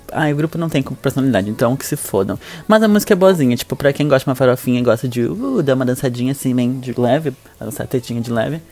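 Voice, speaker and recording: A man's voice: medium pitch, darkish tone. A man with a Brazilian Portuguese accent co-hosting a podcast, chatting in a gossipy, blunt and campy way. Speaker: podcast co-host. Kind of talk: casual podcast chat.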